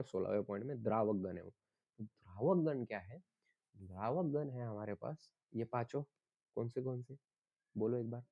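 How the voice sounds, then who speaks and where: A young man giving a fast exam revision lecture as an Ayurveda teacher, reciting lists and quizzing his students in a chatty way. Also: mid-range voice, warm tone, no echo. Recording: dull, slightly lo-fi dry audio.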